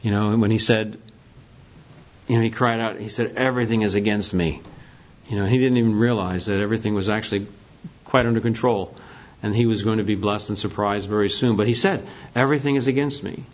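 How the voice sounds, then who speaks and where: A man's voice: fairly low pitch, fairly even intonation, brisk. A man teaching a Bible study lesson in a conversational way, asking the class questions as he goes. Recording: dull lo-fi recording.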